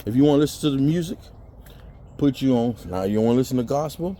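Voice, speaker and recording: A man's voice: medium pitch, expressive, fast talker, dark tone. A man in a blunt, preachy motivational rant, cursing and mimicking people who make excuses. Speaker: motivational vlogger.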